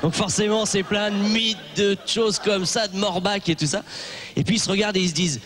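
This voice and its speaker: A man's voice: high-pitched, fairly even intonation, fairly quick, a bit bright. A man on a TV panel show telling a joke about two characters and acting out their dialogue. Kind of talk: comic storytelling on a TV panel show. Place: TV studio.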